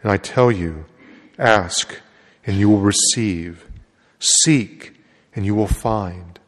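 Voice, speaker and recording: A man's voice: lowish voice, slow pace. A man serving as a priest, reading the gospel and preaching a homily in a large church. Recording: long echo of a large church.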